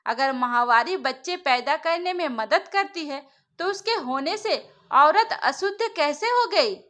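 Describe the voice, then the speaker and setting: Young outspoken bride in a storybook, calm but firm, high and bright, voiced by a woman. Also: a little slow. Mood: reasoning. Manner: calmly reasoning, firm. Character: young modern outspoken newlywed wife.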